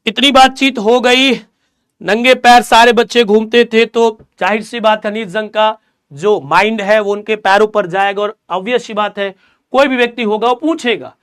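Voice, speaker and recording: A young man teaching an English chapter to students, reading lines slowly and explaining them, repeating key words as drills. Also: high voice, steady tone, fairly bright tone, clear, resonant tone. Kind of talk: explaining a textbook chapter in class.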